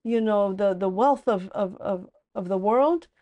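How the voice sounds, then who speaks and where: A woman's voice: medium pitch, measured pace, dull audio. A middle-aged woman from Ethiopia and the UAE, a podcast guest talking in a thoughtful, hesitant way with many restarts. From born in Ethiopia, raised in the UAE. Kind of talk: casual conversational interview.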